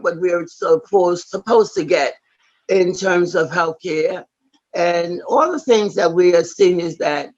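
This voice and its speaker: An elderly woman in her eighties speaks earnestly through a dull, lo-fi video call line. She gives an award acceptance speech in a halting way, often pausing on fillers and restarting her words. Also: on the low side. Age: 80s. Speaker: award honoree.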